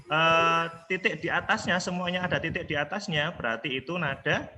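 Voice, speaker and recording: A man's voice: a little high, normal speed, a crowd in the background. A male primary school teacher teaching an online class over a laptop video call, patiently coaxing answers and singing the scale notes. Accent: Indonesian.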